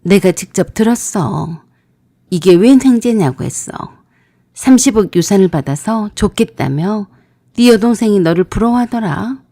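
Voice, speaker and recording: A woman's voice: medium pitch, animated, moderate pace, dark tone, dry recording. A woman playing a hurt young bride-to-be who confronts her fiancé with pointed questions, in a dry recording. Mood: accusing.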